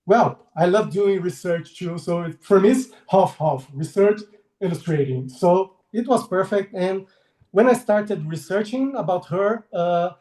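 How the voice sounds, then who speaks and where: Friendly but hesitant, laughing often, a man in his forties from Brazil speaks with a Brazilian Portuguese accent as a guest illustrator in a casual video-call interview. His voice is high and warm, his pace unhurried, and the sound roomy.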